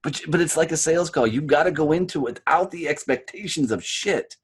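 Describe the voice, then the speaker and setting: An American man telling his story as a podcast guest, blunt and animated, swearing freely. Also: fairly high pitch, a little fast, husky. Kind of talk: candid interview storytelling.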